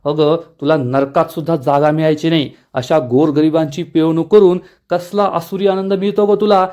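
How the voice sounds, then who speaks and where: A man's voice: a little high, steady tone, moderate pace, mellow, lightly acted. A man voicing an angry older village strongman who scolds and accuses. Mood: angry scolding.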